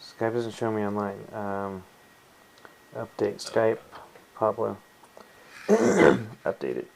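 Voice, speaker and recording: A man's voice: lowish voice, little pitch movement, slow, vocal fry. A man from the United States hosting a live stream in a casual, chatty way. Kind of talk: casual chat. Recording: faint noise on home stream.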